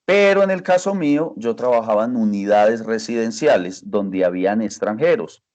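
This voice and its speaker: A man's voice: fairly low pitch, expressive, normal speed, darkish tone. A man answering interview questions as a language teacher, earnest and repeating phrases for emphasis.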